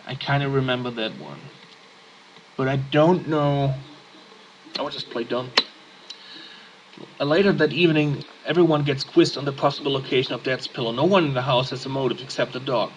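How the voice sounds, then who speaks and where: A man's voice: medium pitch, normal speed, long pauses, dull audio, a little hiss or hum. A man playing a text-based game, reading its text aloud and adding casual muttered asides. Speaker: let's play gamer.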